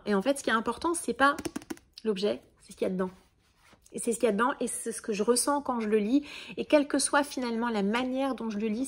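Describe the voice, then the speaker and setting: A woman giving a casual, chatty book review, full of fillers and restarts. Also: on the high side. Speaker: book vlogger.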